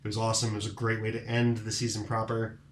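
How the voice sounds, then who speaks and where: A man's voice: fairly low pitch, monotone, quick pace, very noisy. A man hosting a podcast, recapping bouts in casual, enthusiastic chat full of fillers. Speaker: podcast host. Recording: roomy echoing room.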